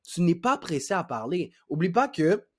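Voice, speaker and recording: A young man with a Québécois French accent, coaching viewers on how to speak well. He talks in an animated, slangy way and acts out his own examples. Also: high voice, slightly rough, no room sound, clean studio sound. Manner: animated, slangy, demonstrates voices and pauses. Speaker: self-improvement coach. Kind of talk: talking-head tutorial.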